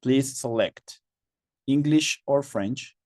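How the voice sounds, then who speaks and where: Slow man hosting a webinar. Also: mid-range voice, darkish tone, no room sound, clean studio sound. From Mexico. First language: Spanish. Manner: patient, repeats instructions, many fillers. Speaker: webinar host. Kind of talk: online webinar moderation. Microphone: video call.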